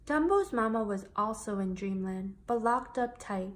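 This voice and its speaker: A woman delivers a children's picture book reading full of storytelling expression, using a mid-range voice at a moderate pace.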